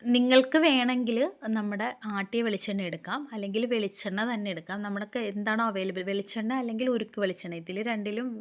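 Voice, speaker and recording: A woman from Kerala talks through a home remedy in a casual, chatty tone. Her voice is hoarse from a cough. She explains each step patiently and often adds small reassurances as she goes. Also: medium pitch, fairly even intonation, fast talker. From Kerala, India.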